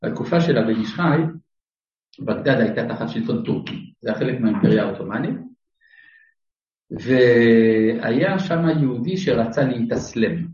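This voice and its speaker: A man's voice: mid-range voice, lively intonation, a little mellow. A man teaching a Torah class to a live audience, questioning his listeners directly and adding dry humorous asides. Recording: echoey room, mic far off, dull sound.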